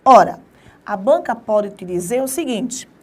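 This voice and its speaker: High-voiced, emphatic woman teacher. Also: lively intonation, slightly rough. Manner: emphatic, often repeats warnings to pay attention; slows down to spell words out syllable by syllable. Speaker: grammar teacher. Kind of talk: online grammar lesson.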